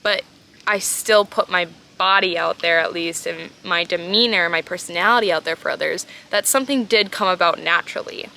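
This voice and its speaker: A woman's voice: fairly low pitch, normal speed, gravelly, bright, forceful tone, slight background noise. A woman hosting a casual motivational podcast from an outdoor pool, talking in an informal, earnest and emphatic way. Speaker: podcast host. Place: outdoors, sitting in a pool at sunrise.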